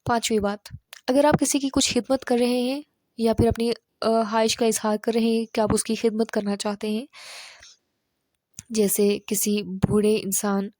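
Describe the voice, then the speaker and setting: A woman narrating a language lesson in a measured, explanatory way, slowing down to speak the English example phrases. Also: on the high side, little pitch movement, darkish tone, dry recording. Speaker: English teacher.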